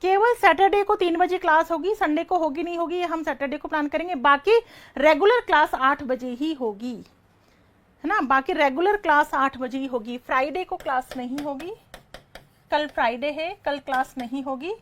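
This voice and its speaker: Calling her students "beta," a woman leads an online exam-prep lecture where she asks quick-fire questions and repeats each answer back. Her voice is high-pitched and a bit bright.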